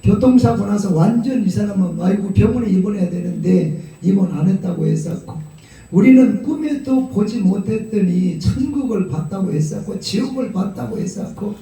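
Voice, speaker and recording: A man with a Gyeongsang accent preaching a sermon, telling the story in a lively way and acting out the quotes. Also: high-pitched, moderate pace, vocal fry, far from the mic. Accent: Gyeongsang Korean. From Gyeongsang region of Korea. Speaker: pastor. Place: prayer retreat hall. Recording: very echoey hall, voice from off the mic.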